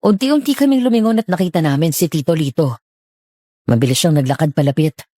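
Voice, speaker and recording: A woman's voice: low-pitched, a little fast, mellow, no room sound, studio quality. A woman narrating a horror story in the first person with dramatic delivery.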